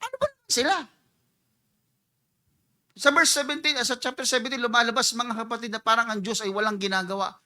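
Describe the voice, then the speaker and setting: A pastor delivering a sermon in a high, ringing voice. He mixes Tagalog and English freely, dropping low for scripture and rising to loud, emphatic calls. He acts out people's prayers to make his point. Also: flat delivery, fast, hardly any pauses. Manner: swings from quiet reading to loud emphatic preaching.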